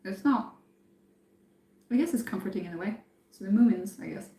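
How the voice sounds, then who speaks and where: A woman who grew up in France, chatting casually on a live stream and thinking aloud with many pauses and fillers. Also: mid-range voice, dark tone. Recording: echoey room.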